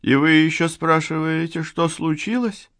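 A man voicing an indignant, theatrical society woman who scolds in a raised, shrill tone. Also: steady tone, a little slow, fairly bright tone, no room sound.

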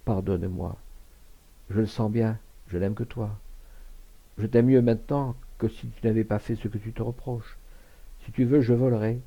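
A man's voice: on the low side, fairly even intonation, moderate pace, husky, dull audio. A man reading aloud, voicing a passionate young actress who pleads emotionally. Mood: pleading.

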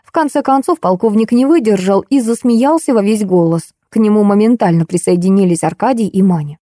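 A woman narrating a first-person audiobook in a lively, ironic storytelling way. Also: mid-range voice, a little fast, dry recording, studio quality.

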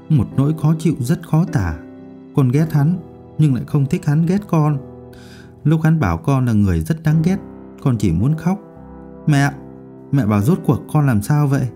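A man's voice: on the high side, warm tone, natural voice. A man voicing a young female student in a storybook, hot-tempered and lovesick, with sudden outbursts and pleading.

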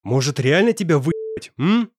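A man's voice: fairly high pitch, big pitch swings, moderate pace, darkish tone, breathy edge, no room sound, clean studio sound. A man playing a crude, menacing young guy. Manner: coarse, slangy, menacing. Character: angry young male student, crude and threatening.

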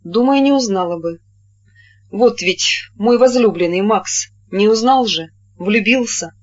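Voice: medium pitch, a little slow, natural voice. A reader voicing a haughty, cold young woman who speaks with pride and challenge, on a dull lo-fi recording.

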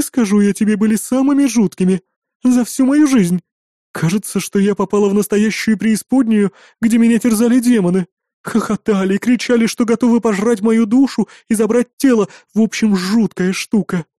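A man putting on a hulking tavern keeper woman with a big, booming voice that spills over with feeling. She sits well above his usual pitch, and the sound stays dry and close. It is a storybook voice. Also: moderate pace, dark tone, dry recording, lightly acted. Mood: gushing. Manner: booming, gushing, then stern. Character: mighty loud effusive innkeeper woman. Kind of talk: audiobook character voice.

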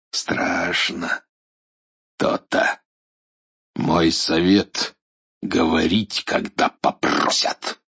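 A man voicing a menacing dark lord, a tyrannical idol, with a slow, sinister delivery in a verse fairy-tale play. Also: deep voice, vocal fry, husky, muffled recording, heavily acted.

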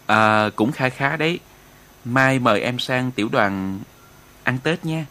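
A man's voice: mid-range voice, expressive, measured pace, pushed and bright. A man voicing a bold, flirtatious male battalion commander with brash talk. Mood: flirting.

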